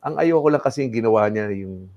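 A middle-aged man telling a story as an interview guest, animated and switching between Tagalog and English, acting out what people said. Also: mid-range voice, fast, dry recording, muffled recording.

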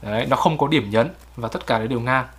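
A man's voice: medium pitch, fairly quick, breathy edge. Casual man critiquing English pronunciation. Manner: casual, repeats words to model pronunciation. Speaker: host reviewing pronunciation.

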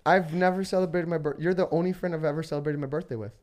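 A man chatting casually on a podcast, earnest about thanks and animated when telling stories about friends. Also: a little high, very fast. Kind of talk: casual chat.

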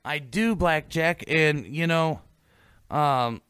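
A man's voice: on the high side, takes it slowly, smooth, no room sound. A man co-hosting a paranormal podcast, reading a ghost story aloud and then chatting casually with hesitant fillers. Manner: animated, hesitant in chat with fillers. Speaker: podcast co-host.

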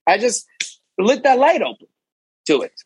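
A man's voice: very high voice, very animated, normal speed, breathy edge, dry recording, low-quality recording. A middle-aged man, a martial arts instructor, telling stories as an interview guest in an intense, emphatic way and acting out his own commands. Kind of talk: animated storytelling in an interview.

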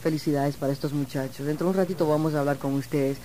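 A woman's voice: low-pitched, steady tone, fast talker, warm tone, slight background noise. A woman hosting a broadcast interview, effusive and full of praise for her guest. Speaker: host.

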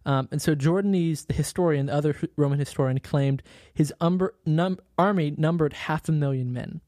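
A woman's voice: low-pitched, moderate pace, mellow, no room sound, clean studio sound. A woman co-hosting a casual history podcast, telling the story with fillers and laughing along with her co-host. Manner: storytelling with fillers and laughs, reads quotes aloud.

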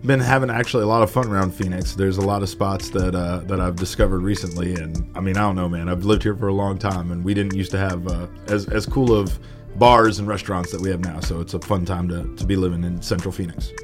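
Low-voiced easygoing man chatting over music. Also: fairly even intonation, fast. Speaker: podcast guest. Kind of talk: casual chat.

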